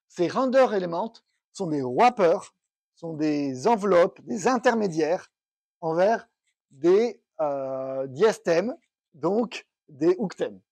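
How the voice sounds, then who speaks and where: A man's voice: high voice, a little mellow, no room sound. Man giving a technical conference talk. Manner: explanatory, thinks aloud with restarts. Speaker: conference speaker. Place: conference room.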